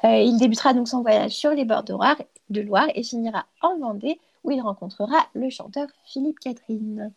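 A woman's voice: a little high, normal speed, gravelly, hardly any pauses, darkish tone, husky, no echo, lo-fi sound. A young woman presenting the evening TV picks on a live radio show, hesitating often with fillers and correcting herself. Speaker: radio columnist presenting TV listings. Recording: dry close studio sound.

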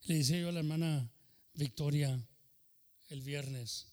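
A man, a pastor who leads a sermon and prayer, talks fast and sometimes unclearly, and keeps calling out "Señor". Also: a little high, a little mellow, in a large hall. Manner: fervent praying, repeating "Señor". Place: church service.

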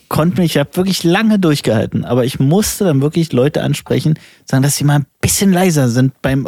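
A man from Germany co-hosting a casual chat podcast, telling a story in a relaxed way and often agreeing with his partner. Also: medium pitch, no echo, clean studio sound. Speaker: podcast co-host.

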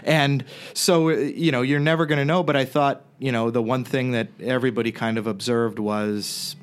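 A man's voice: medium pitch, fairly even intonation, moderate pace, clean tone. A man hosting a sports podcast, steering the talk with dry jokes. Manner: dry, joking. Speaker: podcast host. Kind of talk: casual sports chat.

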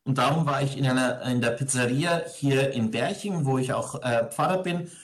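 A parish priest who grew up in Ingolstadt, Germany, answers interview questions reflectively and conversationally, hesitating often. His voice is medium-pitched and moderately paced.

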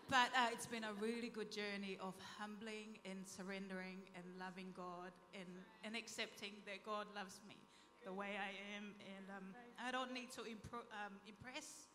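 A woman from Tonga sharing a heartfelt church testimony in a soft-spoken way. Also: mid-range voice, steady tone, normal speed, long reverb tail, slight background noise. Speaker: panel speaker at a church event. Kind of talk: testimony talk.

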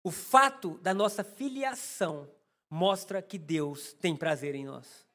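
A man's voice: high voice, takes it slowly, a bit bright. A man with a Brazilian Portuguese accent preaching a sermon to his congregation. He tells a personal story with humor and speaks straight to the listeners. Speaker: pastor.

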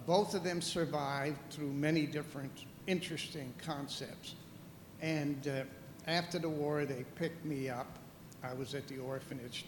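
An older man from the Netherlands, a guest telling his life story calmly and reflectively on stage. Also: fairly high pitch. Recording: echoey hall with long reverb, faint noise.

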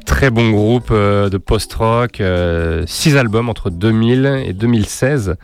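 A man co-hosting a radio music show, listing bands and giving his opinions, with many hesitant pauses. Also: lowish voice, smooth. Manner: hesitant, many "euh" pauses, laughs easily. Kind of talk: casual radio chat presenting music.

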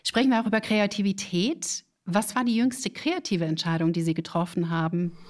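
A woman's voice: medium pitch, steady tone, normal speed, a little hiss or hum. A woman hosting a business podcast, asking questions in a composed, articulate way. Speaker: podcast host, interviewer. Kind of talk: conversational interview.

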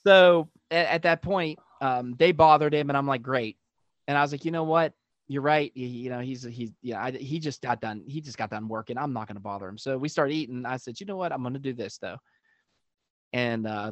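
A man's voice: mid-range voice, no echo. Man telling a rambling anecdote. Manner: rambling, animated anecdote with quoted voices. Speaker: podcast guest. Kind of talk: casual storytelling.

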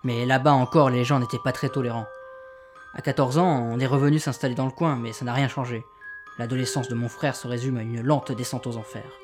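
A man's voice: mid-range voice, fairly even intonation, fairly quick, music in the background, natural voice. A man playing a flustered, exasperated young insurance broker being questioned. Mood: confiding. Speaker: suspect under interrogation. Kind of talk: comedy sketch acting.

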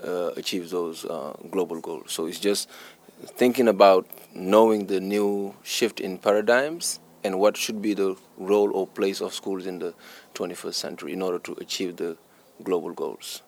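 A man's voice: low voice, fairly even intonation, normal speed, a little mellow. A man from Senegal with a Senegalese accent, an English teacher answering interview questions earnestly, stressing points through repetition.

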